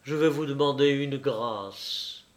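A man reading aloud and voicing a grave, resolute young sailor who speaks in a solemn, measured way. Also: medium pitch, close to an everyday voice.

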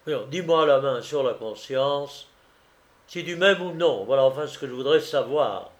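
A man's voice: mid-range voice, lively intonation, normal speed, natural voice. A man voicing a vain, touchy young male clerk in love, talking in a fretful, self-important way. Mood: earnest. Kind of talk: audiobook reading.

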